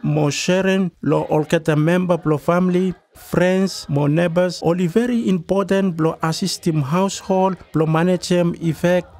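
A man's voice: fairly high pitch, darkish tone. A man with a Melanesian Pidgin accent reads scripted documentary narration in island pidgin. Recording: voice-over with music behind. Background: music.

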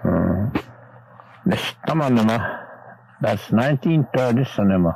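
An older man from Manitoba, Canada, a guest on a radio interview, recalling old times in a rambling, halting way with many restarts. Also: on the low side, animated, creaky, a little mellow, no room sound, poor audio.

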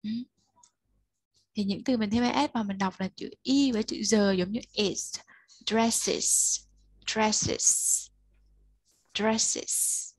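A woman's voice: medium pitch, normal speed, a little mellow, no echo. A woman tutoring a child one-on-one, patiently explaining step by step and prompting the learner to answer. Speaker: English tutor.

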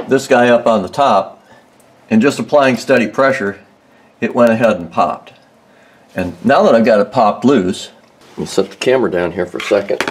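Male host, lowish voice, loose unscripted how-to talk with fillers, recorded on a handheld phone under a car in a garage. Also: noisy background. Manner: relaxed, rambling, with many ums and restarts. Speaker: home mechanic host. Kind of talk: casual how-to demonstration.

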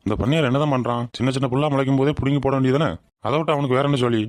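A man's voice: medium pitch, fairly even intonation, a little mellow, dry recording, clean studio sound, natural voice. A man playing a crafty, cheeky village farmhand, arguing and scheming. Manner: rapid, cheeky, argumentative. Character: crafty male village farmhand, feigns anger. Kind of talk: village comedy skit.

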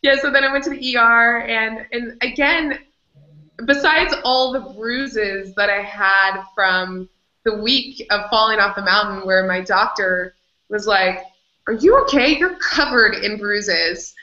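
Woman guest telling her story, lively and laughing a lot, echoey room, kinda muffled. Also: mid-range voice, unhurried. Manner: animated, laughs often, acts out her own past words. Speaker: interview guest. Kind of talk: candid storytelling in conversation. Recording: slightly dull, roomy recording.

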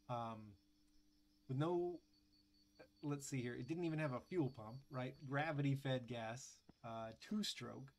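A man hosting a gaming channel, giving casual, chatty commentary over gameplay with wry, sarcastic asides and lots of fillers. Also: mid-range voice.

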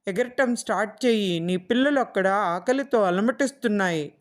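A woman voicing an eager, restless, always-hungry female squirrel in a children's storybook, in a brisk plain voice. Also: mid-range voice, close to an everyday voice. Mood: urgent.

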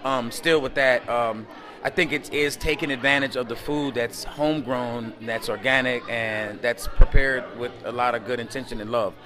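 A man, speaking at an ordinary middle pitch. He answers interview questions casually, wandering between thoughts with plenty of fillers. He is recorded close to a camera at an indoor event. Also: moderate pace, a crowd in the background. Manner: relaxed, rambling, many fillers. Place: indoor event space by a window at night.

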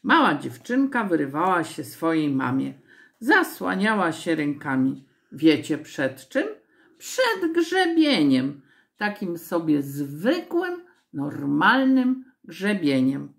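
Woman reading a children's story aloud, low gravelly voice, animated pitch, unhurried pace. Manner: expressive, slow storytelling.

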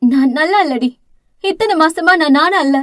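Woman reader as a grieving older sister, tearful and self-accusing, high voice, close dry read. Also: lively intonation, moderate pace, a bit bright, no echo. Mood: despairing. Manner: tearful, pleading, self-blaming. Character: guilt-ridden young woman, anguished elder sister.

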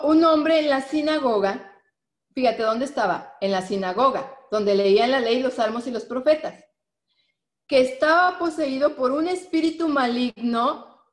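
High-voiced woman preaching with emphasis. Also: reverberant. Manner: emphatic, asks listeners to follow along. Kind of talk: bible teaching.

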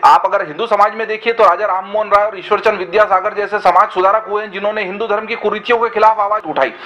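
High-voiced earnest male commentator. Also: fairly even intonation, fast, sharp tone, dull audio. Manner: earnest, argumentative, rhetorical questions. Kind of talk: studio web discussion.

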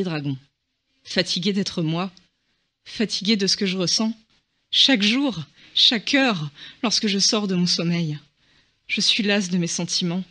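A man's voice: sits high, sharp tone. A man voicing an exhausted young woman in a storybook reading, speaking in a weary, confessional way.

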